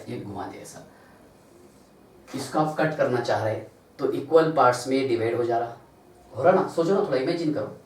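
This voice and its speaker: A man with an Indian Hindi accent teaching chemistry in a classroom lecture. He counts carbons aloud, spells out formulas slowly, and asks questions that he answers himself. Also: mid-range voice, darkish tone. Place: large classroom. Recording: echoey room, distant mic, faint noise.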